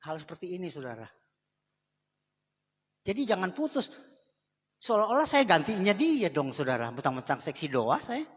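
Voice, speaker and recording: A man's voice: sits high, sing-song, moderate pace, long pauses, slightly rough. A man preaching a sermon in a church, chatty and direct, often turning to the congregation with asides. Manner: conversational preaching, often addressing the congregation as saudara. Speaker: pastor. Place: church sanctuary. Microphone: live microphone. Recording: long church hall reverb.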